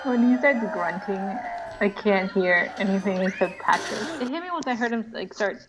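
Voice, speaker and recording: A woman's voice: medium pitch, lively intonation, normal speed, rough recording. A young woman co-hosting a podcast, chatting about a movie in an easygoing, rambling way. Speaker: podcast co-host. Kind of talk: casual movie review chat.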